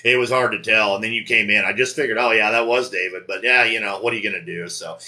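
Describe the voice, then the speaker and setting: A man's voice: fairly low pitch, steady tone, pushed and bright. A man operating a ham radio station from Montana, chatting casually with callers and signing off with call signs. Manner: friendly, drawn-out sign-offs with repeated "Roger, Roger".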